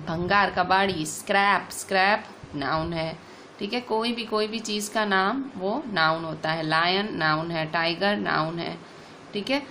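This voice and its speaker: A woman teacher gives an online grammar lesson, repeating each point and checking in often. Her pitch sits at an ordinary middle height. A faint hiss runs under the recording. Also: fairly bright tone. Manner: explains slowly, repeats "ठीक है" and restates points. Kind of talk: online class lecture.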